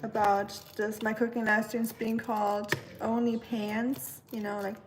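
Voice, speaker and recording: Speaking a little slowly in a slightly high voice that barely moves in pitch, a young woman with a German accent cooks in her home kitchen on a livestream. She is chatty and rambling, reads the chat aloud and says um often. Background noise comes through a distant mic, with dishes, pots and pans clattering.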